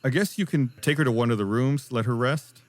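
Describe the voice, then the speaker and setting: A man's voice: medium pitch, fairly quick, no room sound. A man narrating as game master in a playful way, often breaking into laughter. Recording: faint music behind.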